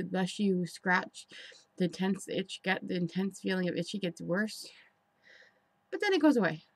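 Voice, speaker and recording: A woman giving a candid, rambling confessional vlog, sounding frustrated and halting as she talks indoors. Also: mid-range voice, no echo. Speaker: personal vlogger. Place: indoors in an apartment.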